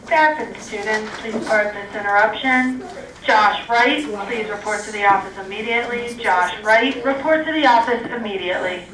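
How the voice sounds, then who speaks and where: A woman's voice comes over the school intercom loudspeaker with a formal announcement. She sits a little high, loud and measured as she repeats her call. The sound is distant and roomy, with classroom chatter all around it. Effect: heard over the school intercom loudspeaker. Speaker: school staff making an announcement. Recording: echoey intercom from far off, noisy classroom.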